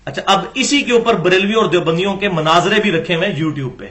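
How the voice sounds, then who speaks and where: A man's voice: high voice, a bit bright. A man giving a religious lecture, arguing his points with rhetorical questions. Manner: argumentative, rhetorical questions, acts out quoted dialogue.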